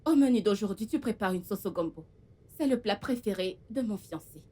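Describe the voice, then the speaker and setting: A woman's voice: mid-range voice, animated, brisk, dark tone, lightly acted. A woman dubbing a film role: a haughty, vain young woman who bosses her new housemaid around. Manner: haughty, commanding, scolding. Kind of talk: dubbed film acting.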